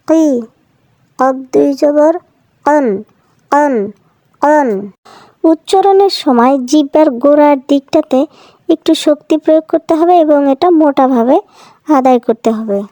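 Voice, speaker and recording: Slow, patient woman drilling syllables. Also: sits high, warm tone, no room sound. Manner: patient, repeats each syllable twice. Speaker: Quran reading teacher. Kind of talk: slow phonics drill for children. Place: voice-over for a cartoon lesson.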